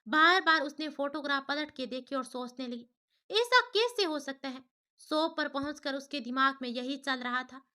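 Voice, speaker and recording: A woman narrating a family story in steady, plain first-person telling. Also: sits high, moderate pace, hardly any pauses.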